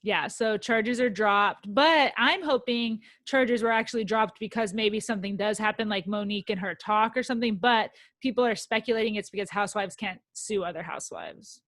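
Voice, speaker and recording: A young woman co-hosting a podcast, chatting excitedly about reality TV with lots of "like" and "um". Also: mid-range voice, moderate pace, few pauses, dry recording. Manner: chatty, excitable, says "like" and "um" often. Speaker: podcast co-host. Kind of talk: casual chat about reality TV.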